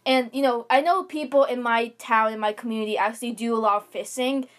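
A young woman in casual chat, co-hosting and calmly explaining her views at length. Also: a little high, brisk.

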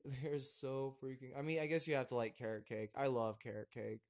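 Man, podcast co-host, casual chat, relaxed, mid pitch, laughs often, restarts sentences. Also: brisk.

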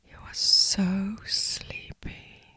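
A woman narrating a scripted sleep story as a guided meditation, in a breathy, hushed, soothing whisper. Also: extremely slow, no echo.

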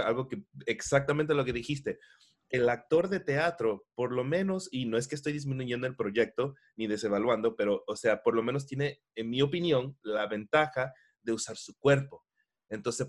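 A man who directs dubbing and acts with his voice, chatting casually and acting out the exchanges he tells about. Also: mid-range voice. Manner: animated storyteller, acts out quoted exchanges. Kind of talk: casual conversation.

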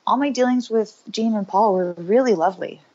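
A woman's voice: mid-range voice, fairly quick, warm tone. Chatty, upbeat woman in her thirties, lo-fi. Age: 30s. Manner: upbeat, chatty, many fillers. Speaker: guest musician. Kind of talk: casual interview chat.

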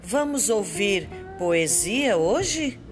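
Woman, library assistant, reads children's poems, slow pace, lively pitch, faint music behind. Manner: slow, lively storytelling reading. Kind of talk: reading children's poems aloud.

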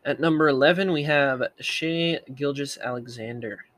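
A man's voice: medium pitch, normal speed, fairly bright tone, no echo. A young man hosting a sports video, commenting casually and thinking aloud, often correcting himself as he goes.

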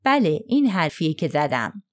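A woman's voice: sits low, big pitch swings. A woman voicing a reserved young man in an audiobook, giving short, guarded answers under questioning. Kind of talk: audiobook character reading.

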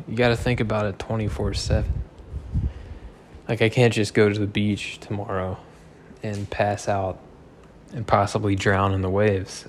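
Man, thirties, tipsy, rambling, swearing, jokey, lowish voice, faint hiss. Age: 30s. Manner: loose, joking, swearing, slightly slurred. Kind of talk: rambling casual monologue.

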